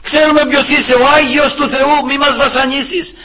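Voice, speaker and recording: A male preacher voicing a horde of demons begging for mercy in a high, drawn-out voice. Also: flat delivery, pushed and bright. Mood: pleading.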